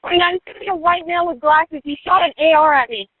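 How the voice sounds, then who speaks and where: A woman's voice: extremely high pitch, a little fast, dry recording. A woman police officer calling in over a police radio, clipped and coded. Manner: clipped call-sign codes. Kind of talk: urgent radio call-out. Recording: tinny radio transmission.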